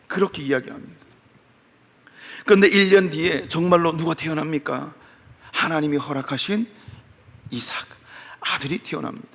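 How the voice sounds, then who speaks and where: Male pastor giving a sermon, high bright voice, bit gravelly, big echoey church. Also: moderate pace, pauses often. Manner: animated storytelling, acting out biblical speakers. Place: church sanctuary. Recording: long church hall reverb.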